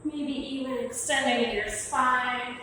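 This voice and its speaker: A woman leading a youth movement workshop, giving playful, encouraging instructions and calling out commands for a warm-up game. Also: high voice, fairly even intonation, measured pace, slight background noise. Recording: echoey, reverberant room.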